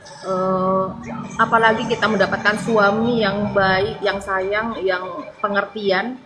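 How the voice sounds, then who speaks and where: A woman's voice: mid-range voice, flat delivery, takes it slowly, background noise. A woman from Madura, an evangelist preaching on a live stream, earnest and pleading, near tears at times, ending many phrases with a tag word. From Madura, Indonesia.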